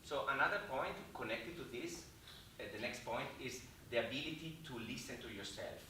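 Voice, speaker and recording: A man with an Italian accent giving a lively talk to musicians about practicing, now and then slipping into Italian words. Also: medium pitch, normal speed, slight background noise. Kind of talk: lecture to musicians. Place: hotel event hall. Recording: echoey hall from far off.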